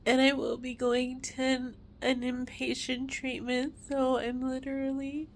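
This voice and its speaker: Woman, high voice, snotty crying, slow halting delivery of an emotional confessional vlog, with some background noise. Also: level tone. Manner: halting, broken phrases with long pauses. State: crying, tearful, snotty sobbing voice. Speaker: mother sharing a personal testimony.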